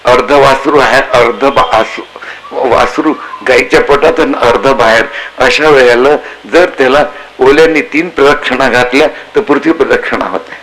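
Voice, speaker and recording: A man preaching a devotional storytelling sermon, telling a folksy childhood anecdote and acting out voices and a cow's lowing. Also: moderate pace, a bit bright, low-quality recording. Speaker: kathā preacher.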